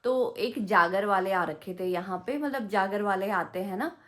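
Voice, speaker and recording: A woman's voice: mid-range voice, a little slow. A woman vlogging casually, telling a story in a chatty, indignant way with many fillers and restarts, with a hill-village Garhwali touch to her Hindi. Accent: Hindi with Garhwali hill-village roots.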